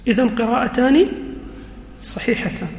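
Male teacher, very high voice, slow and deliberate, repeats key words, quizzes the class; long echoey hall reverb, faint background ambience. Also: a little mellow. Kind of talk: classroom lesson on Quranic grammar.

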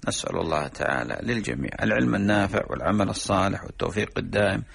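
A man, a sheikh, explaining religious rulings in a measured, teaching way on a radio program. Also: low-pitched, creaky, fairly bright tone, husky. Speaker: sheikh answering religious questions.

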